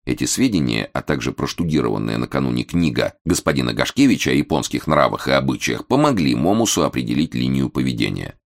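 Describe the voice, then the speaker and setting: Deep-voiced man narrating expressively. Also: fast talker, vocal fry, few pauses. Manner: lively, expressive reading. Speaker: audiobook narrator. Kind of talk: scripted narration.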